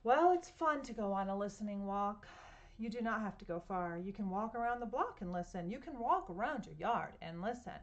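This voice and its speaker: A woman reads a children's picture book aloud at home. Her delivery is gentle and patient, and she keeps turning to her young listeners with questions. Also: medium pitch, lively intonation, brisk, muffled recording. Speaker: children's story reader.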